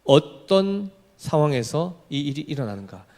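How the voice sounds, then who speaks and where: A man's voice: a little high, very animated, measured pace, warm tone. A male pastor preaching a sermon in a conversational way, asking his congregation questions and acting out everyday remarks.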